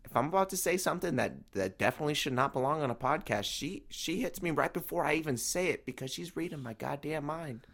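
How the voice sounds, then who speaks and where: A man's voice: a little high, lively intonation, quick pace, creaky, few pauses, a bit bright. A man co-hosting a podcast, slangy, joking and profane in casual chat. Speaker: podcast co-host.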